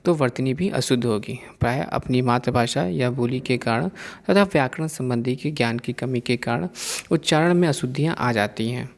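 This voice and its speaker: A man's voice: medium pitch, normal speed, gravelly, long reverb tail. A man teaching an exam-prep lesson, reading word pairs out one after another.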